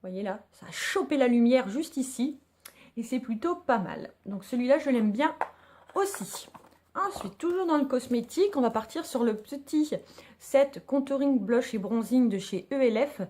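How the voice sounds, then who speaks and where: A woman's voice: sits high, animated, normal speed, darkish tone. A woman chatting enthusiastically to her viewers as she reviews her favorite makeup. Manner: chatty, enthusiastic, slangy, addresses viewers as girls. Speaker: beauty vlogger. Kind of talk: casual product review.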